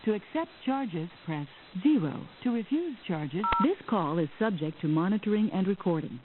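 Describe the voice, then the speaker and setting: A woman's recorded voice giving automated collect-call prompts during a payphone call, flat and scripted. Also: medium pitch, moderate pace. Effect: recorded prison payphone call prompt over a phone line. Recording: tinny, noisy payphone line.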